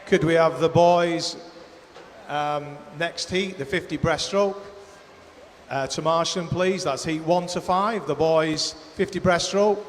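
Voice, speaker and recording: A man making loud, projected public address calls in the manner of an airport announcement, repeating his instructions. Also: a little high, a little slow. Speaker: swim meet marshalling announcer. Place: large indoor swimming pool hall. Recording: echoey hall PA, clear background noise.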